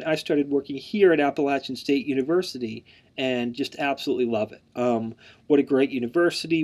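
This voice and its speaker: On the high side with a darkish tone, a man in his thirties introduces himself as an online course instructor. He's earnest, stutters mildly, repeats words and says "um" often.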